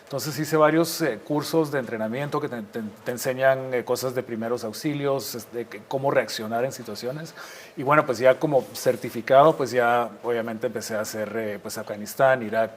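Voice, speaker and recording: A man's voice: mid-range voice, steady tone, normal speed. A middle-aged man from Guatemala, a war correspondent, being interviewed and telling his stories reflectively, often restarting his sentences. There is faint noise behind him. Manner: reflective storytelling with frequent restarts. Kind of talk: interview conversation.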